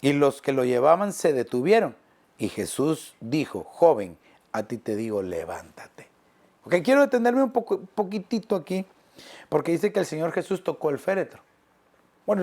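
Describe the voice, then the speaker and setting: A male pastor preaching a sermon in an earnest, pastoral way, stretching phrases out slowly and dropping soft and low. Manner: earnest, pastoral, addressing listeners as brother.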